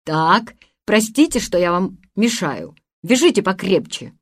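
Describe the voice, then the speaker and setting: A woman voicing a calm, commanding boy who leads his friends in a storybook reading. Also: mid-range voice, unhurried. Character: bold, calm boy captain.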